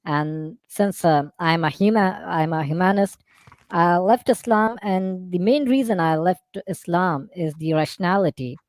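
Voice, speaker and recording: A man's voice: sits high, unhurried, no room sound, clean studio sound. Indian man through a disguising voice changer. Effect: voice changer disguising the real voice. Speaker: interview guest, former student of Islamic preaching. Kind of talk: interview answers.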